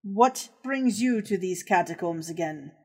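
A woman's voice: fairly low pitch, animated, measured pace, mellow, husky, pitched below the performer's own voice, exaggerated voice. A menacing male villain from a tabletop horror game, acted out by a woman. He is smug and sly, taunting with theatrical, gloating confidence. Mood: gloating menace.

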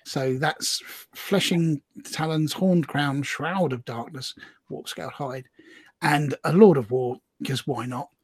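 Husky chatty man co-hosting a hobby podcast. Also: on the high side, dry recording, clean studio sound. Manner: chatty, quick asides, bursts of laughter. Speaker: podcast co-host. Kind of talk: casual chat reviewing army lists. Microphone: remote call.

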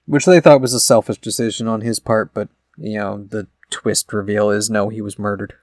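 A man's voice: fairly low pitch, steady tone, moderate pace, darkish tone, no echo, clean studio sound. A man co-hosting a podcast in casual chat, rambling through explanations with many fillers. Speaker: podcast co-host.

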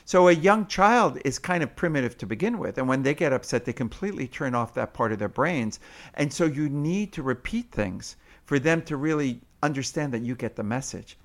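A man's voice: medium pitch, lively intonation, normal speed. A man in an interview explaining parenting techniques, now and then acting out sing-song parent voices. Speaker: parenting expert guest.

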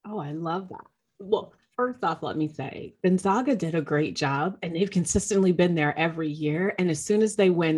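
A woman co-hosting a podcast interview who speaks in an enthusiastic, casual way with frequent likes. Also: deep voice. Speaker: podcast co-host.

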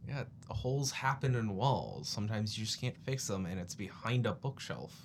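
A man's voice: lowish voice, very animated, moderate pace. A man casually playing a tabletop role-playing game and narrating his character in a mild, hesitant way. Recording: clearly noisy room recording.

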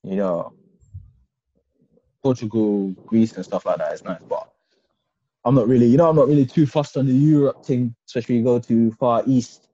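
A man's voice: medium pitch, normal speed, long pauses, mellow, slightly rough, no echo. A man with an urban London roadman accent, chatting casually and informally in slang with friends. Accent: London, urban street slang. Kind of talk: casual podcast group chat. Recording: slightly dull, lo-fi sound.

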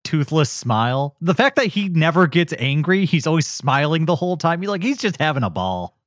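A man's voice: fairly high pitch, sing-song, a little fast, dry recording, clean studio sound. A man co-hosting a podcast, talking casually and laughing easily as he discusses episodes. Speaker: podcast co-host. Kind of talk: casual review chat.

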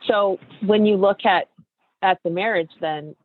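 A woman's voice: mid-range voice, a little slow, slightly rough, dry recording. A woman in her fifties hosting an interview chat, talking in an emphatic, coaching way and speaking straight to her listeners. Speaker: podcast host and coach. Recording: tinny phone-like line, dry.

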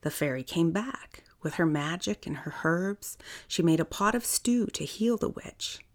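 A woman reading a children's story aloud in a calm, unhurried way. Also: lowish voice.

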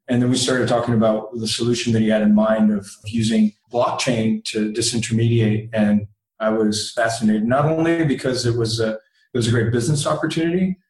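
A man giving conversational answers as an interview guest. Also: medium pitch. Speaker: interview guest, startup sales and partnerships lead. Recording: roomy, echoey sound.

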